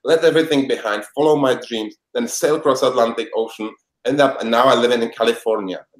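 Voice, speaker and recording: A man's voice: mid-range voice, steady tone, brisk. A man from the Czech Republic with a Czech accent, speaking English as a second language and answering interview questions as a life coach in an earnest, heartfelt way. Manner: earnest, heartfelt, with non-native grammar. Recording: echoey room sound.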